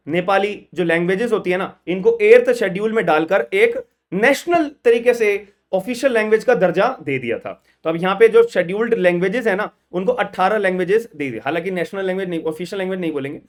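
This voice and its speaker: A man teaching an online law exam lecture, emphatic and repetitive, often asking the viewers questions. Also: sits high. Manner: emphatic, repeats "thik hai ji", quizzes viewers.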